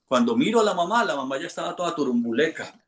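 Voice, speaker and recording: A man, an instructor telling a lively anecdote to a class and acting out the voices in it. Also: on the high side, fast, reverberant. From Colombia. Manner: animated storyteller, acts out quoted voices. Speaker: hypnosis instructor.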